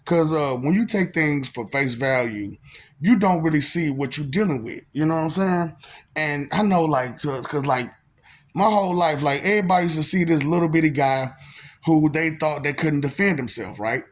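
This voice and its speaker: At normal speed, the same kind of soft, polite voice, pitched slightly above the male average, belongs to a man in his thirties recounting something from his own life. His vlog storytelling is relaxed and slangy, looping back with fillers and punctuated by laughter.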